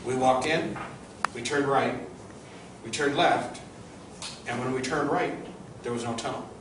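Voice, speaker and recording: This middle-aged tour guide has a medium-pitched voice and a slightly slow pace. Conversational and story-driven, he quizzes his group as they go, and the recording sounds distant, very echoey and noisy.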